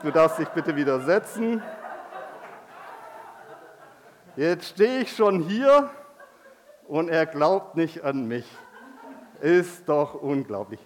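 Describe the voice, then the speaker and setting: A man playing a jolly old Saint Nicholas at a church community gathering, calling out booming ho-hos and reciting verse slowly and solemnly. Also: lively intonation, slight background noise. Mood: playful teasing.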